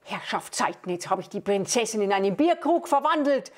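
A woman's voice: mid-range voice, sing-song, brisk, voice pushed down. A woman puppeteer voicing a scheming male wizard who bosses everyone around and grumbles at his mistakes. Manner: bossy, grumbling. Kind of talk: Bavarian puppet show.

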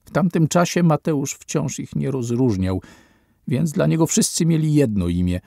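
A man reading a story as audiobook narrator, in slow, measured scripted narration whose lines fall away quietly at the end. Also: fairly high pitch, lively intonation, creaky, no room sound, studio quality.

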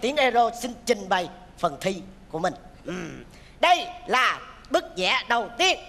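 Một người đàn ông đóng cậu bé nhà giàu khoe khoang. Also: male voice, high-pitched, big pitch swings, unhurried, creaky, big-room sound, very noisy, heavily acted. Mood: smug. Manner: smug, pompous recital. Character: boastful rich schoolboy contestant. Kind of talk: stage comedy sketch.

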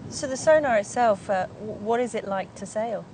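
A woman's voice: medium pitch, moderate pace, background noise. Woman interviewer asking direct questions. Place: outdoors in a park.

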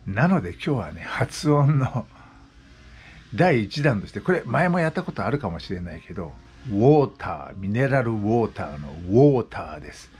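A man's voice: lowish voice, big pitch swings, normal speed, darkish tone, breathy edge. A man in his sixties talking casually as a vlogger, explaining things with repeated examples. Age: 60s. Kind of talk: casual monologue. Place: West Oahu, Hawaii.

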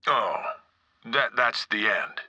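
Bright, earnest, decent game hero. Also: male voice, mid-range voice, takes it slowly, no room sound, dull audio, full character voice. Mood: wry, hesitant. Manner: earnest, conversational, hesitant. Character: sane, weary, kind-hearted inner voice of a madman. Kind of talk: video game character acting.

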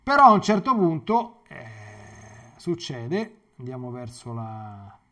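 A man, a priest giving a Bible catechesis, who talks in a digressive, halting way and often repeats words and restarts. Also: medium pitch, big pitch swings, fairly bright tone.

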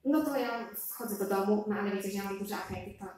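A woman in her thirties telling a lively personal story to an audience, speaking to them directly between fillers. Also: mid-range voice, fast, a little hiss or hum. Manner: animated, addresses listeners directly, with fillers. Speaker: speaker giving a faith testimony. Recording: very echoey hall sound.

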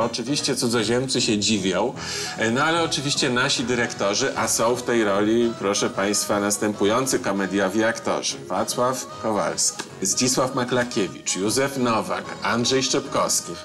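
A man's voice: medium pitch, normal speed, music in the background. A middle-aged man hosting a film talk show, introducing the film in an articulate, explanatory way. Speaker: host. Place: studio set with armchairs.

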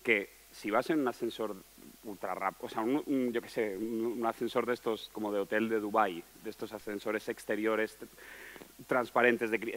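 A man doing a rambling, improvised comic monologue on stage, repeating phrases and acting out people he overheard in bars. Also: medium pitch. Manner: rambling, repetitive, acts out bar talk, swings from loud to mumbling. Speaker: stand-up comedian. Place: theater stage before a live audience.

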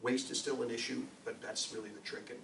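A man's voice: mid-range voice, steady tone, a little fast, creaky, fairly bright tone. A man, a science teacher, giving a casual, jokey lecture with many ums and rhetorical questions. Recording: roomy echo, distant mic, faint noise.

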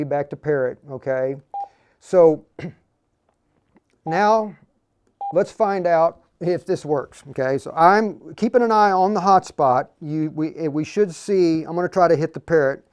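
A man's voice: on the high side, darkish tone, smooth. A man hosting a live radio demo on a lapel mic, talking casually and using ham radio call-sign talk. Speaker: host and instructor.

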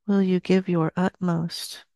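In a small room with dim light, a woman in her sixties takes on the role of a tranced seance medium. Her tone stays grave and nearly monotone, with short phrases broken by long pauses. The headset recording is close and dry.

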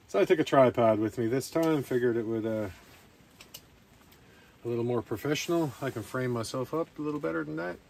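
A man's voice: medium pitch, moderate pace, creaky, long pauses, a little mellow. A man rambling casually to camera as he narrates a camping vlog outdoors. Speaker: camping vlogger. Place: outdoors at a rainy campsite. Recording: faint outdoor ambient noise.

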